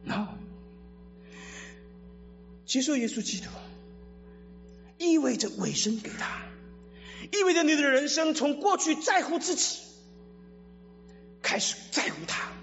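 A male pastor giving an animated sermon, full of rhetorical questions and acted-out voices. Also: very high-pitched, a little slow, pauses often. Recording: reverberant hall, dull lo-fi sound, faint music.

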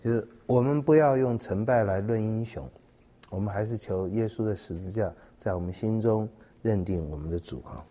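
A man giving a Bible teaching sermon, reading scripture and explaining it in a measured way, with fillers and repeated words. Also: on the low side, warm tone. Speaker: preacher.

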